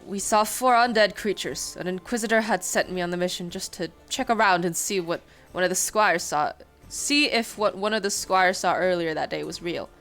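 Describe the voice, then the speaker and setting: A woman voicing a gruff, grieving dwarf adventurer in a put-on rough brogue, read aloud from a story. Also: on the low side, moderate pace, few pauses, fairly bright tone, faint music behind. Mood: grim.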